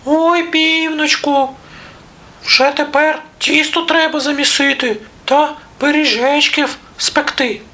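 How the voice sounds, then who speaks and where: Two tiny, playful mice squeak in a very high, thin voice. They are lazy and cheeky, piping every word with a bright, sharp edge. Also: male voice, fairly even intonation, takes it slowly, full character voice. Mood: squeaky.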